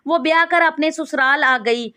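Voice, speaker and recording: A woman storyteller giving a scripted story narration in a steady, even reading. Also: high-pitched.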